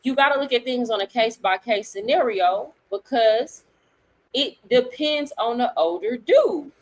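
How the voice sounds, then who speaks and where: A woman's voice: on the high side, a little slow, rough recording. A woman hosting a live talk stream, speaking bluntly and laying out her opinions point by point. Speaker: livestream host.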